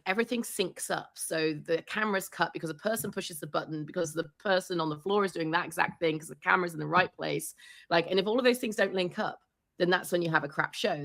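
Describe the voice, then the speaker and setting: A woman sports reporter chatting as an interview guest, telling animated stories and laughing often. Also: fairly low pitch, creaky. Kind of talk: casual interview chat.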